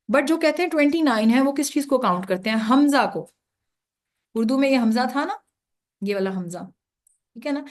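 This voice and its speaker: A woman teaching a beginner grammar lesson, explaining patiently, dropping English terms into her speech and often checking that the class is following. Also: a little high.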